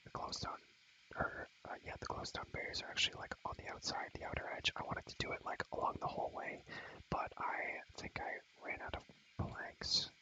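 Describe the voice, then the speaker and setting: Whispering breathily into a close mic, a young man, an ASMR gamer and host, rambles through slangy gameplay commentary and repeats phrases again and again. His voice sounds pushed and bright at a moderate pace, though the highs are cut off.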